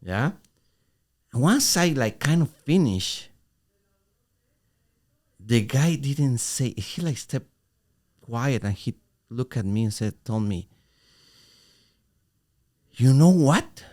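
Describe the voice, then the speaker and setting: A middle-aged man co-hosting a podcast, telling an animated story in casual talk with halting restarts. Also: medium pitch. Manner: animated, acts out quoted voices, halting restarts. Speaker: podcast co-host.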